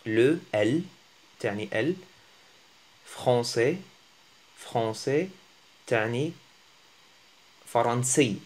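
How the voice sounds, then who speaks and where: A man who is not a native Arabic speaker teaching a French lesson, often pausing and searching for words. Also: mid-range voice. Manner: halting, searching for words, self-deprecating. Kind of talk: casual language lesson.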